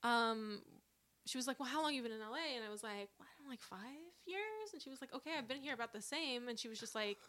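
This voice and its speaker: Bright, high-voiced woman from Northern California. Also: fast. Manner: animated storyteller who acts out quoted dialogue. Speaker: podcast guest. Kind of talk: casual chat.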